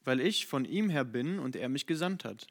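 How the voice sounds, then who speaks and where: A man reading as a calm, earnest teacher. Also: mid-range voice, normal speed. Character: calm male teacher speaking with authority. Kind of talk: Bible reading.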